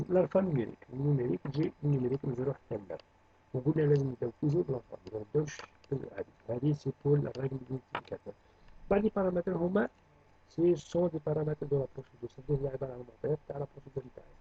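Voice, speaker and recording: Brief: male teacher, quick delivery, gravelly fry, lo-fi dull recording. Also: mid-range voice. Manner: mixes French terms into Arabic speech. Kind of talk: programming lesson review.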